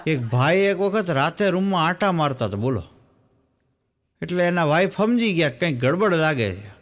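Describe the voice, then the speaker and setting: A male stand-up comedian, telling jokes as stories and acting out the dialogue. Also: on the high side. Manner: storytelling, acts out the dialogue in his jokes. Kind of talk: Gujarati folk joke telling.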